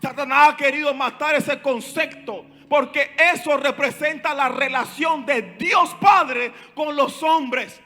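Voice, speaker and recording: Impassioned high-voiced male pastor preaching. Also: slow pace, hardly any pauses. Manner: impassioned preaching, often shouting. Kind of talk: sermon.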